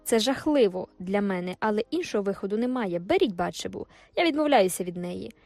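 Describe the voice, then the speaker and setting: A woman's voice: animated, brisk, darkish tone, dry recording, faint music behind. A woman voicing an agitated, jealous middle-aged farmer in an audiobook, pleading and strained. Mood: anguished. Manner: pleading, strained, high-pitched outbursts. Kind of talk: audiobook character voice.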